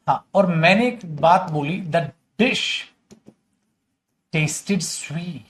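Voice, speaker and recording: High-voiced man teaching English in Hindi. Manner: chatty, coaxing students with bhaiya and beta; mixes Hindi with English examples. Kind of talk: online class lecture. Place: at home or in a studio, drinking tea while teaching.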